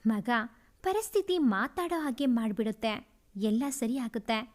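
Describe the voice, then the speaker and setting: A woman voicing a gentle older mother who soothes a crying girl in a storybook tale. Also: on the high side, expressive, a little slow, voice pushed down. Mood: consoling.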